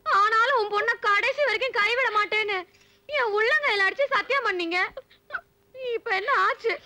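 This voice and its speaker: A woman's voice: very high voice, moderate pace, bright, forceful tone, dry recording. An actress playing a scheming village mother who wails and pleads in a film scene. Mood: wailing.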